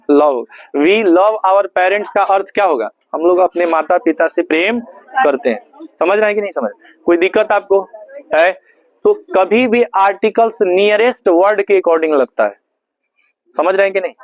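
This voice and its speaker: Male grammar teacher, high-pitched, quizzing call-and-response delivery with slow, stressed repetition. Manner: keeps quizzing listeners with repeated questions. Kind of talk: classroom grammar lesson.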